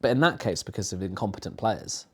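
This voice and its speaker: A man's voice: on the low side, expressive, quick pace, breathy edge. A man hosting a casual watch-along stream, sarcastic and dry, with plenty of swearing. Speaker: stream host.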